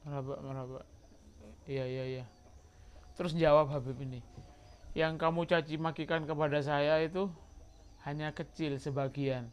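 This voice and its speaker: This sermon comes from a man with a fairly high, clear, resonant voice who keeps a steady tone and moderate pace, leaving long pauses. Teaching from a religious book at a study gathering, he tells stories, acts out quoted dialogue, and blends in Javanese and Arabic.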